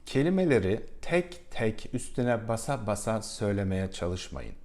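A man's voice: lowish voice, very animated, darkish tone. A male English teacher giving a spoken lesson, explaining step by step with rhetorical questions. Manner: slows down to model English pronunciation.

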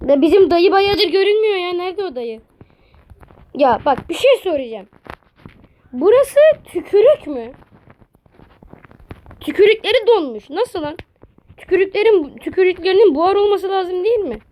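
A woman with a strikingly high voice talks through a video game in casual commentary. She is excitable, jumping between loud exclamations and quiet muttering, and often laughs at her own mistakes. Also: normal speed, long pauses, lo-fi sound. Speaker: gaming video creator.

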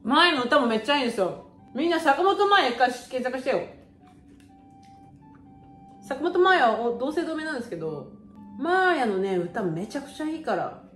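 A woman in her twenties chatting casually and excitedly in slangy speech while sharing songs. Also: high-pitched, normal speed, long pauses, echoey room, soft background music. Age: 20s. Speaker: YouTuber.

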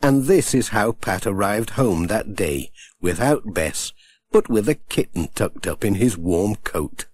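Slow, husky storybook narrator, a man. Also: lowish voice, lively intonation. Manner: gentle, unhurried storytelling. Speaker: audiobook narrator. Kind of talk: children's storybook reading.

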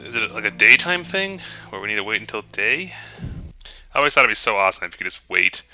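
A man's voice: lowish voice, very animated, quick pace, creaky, sharp tone, soft background music, low-quality recording. A man giving casual, jokey let's play commentary, teasing the game and exclaiming as he goes. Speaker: gaming host. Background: video game sounds.

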